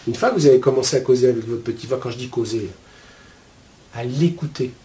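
A man teaching spiritual ideas to his viewers in a casual, colloquial way, with a steady stream of "hein" and "euh". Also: mid-range voice, quick pace, a little hiss or hum. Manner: chatty, explains with homely metaphors.

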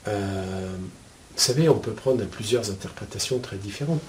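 A man teaching spiritual ideas to his viewers in a casual, colloquial way, with a steady stream of "hein" and "euh". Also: on the low side, moderate pace, a little hiss or hum. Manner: chatty, explains with homely metaphors.

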